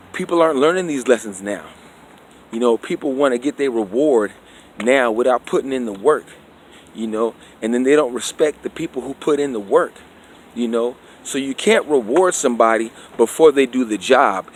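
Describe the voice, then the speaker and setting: A man's voice: mid-range voice, a little hiss or hum. Preachy man lecturing with asides. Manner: preachy and conversational, keeps asking "you know what I'm saying". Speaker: vlogger. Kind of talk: opinion monologue.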